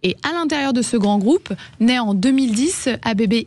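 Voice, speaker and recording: A woman guest on a radio talk show, explaining at a measured pace with frequent hesitations. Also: fairly high pitch, animated, darkish tone. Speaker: guest, head of an EV charging company.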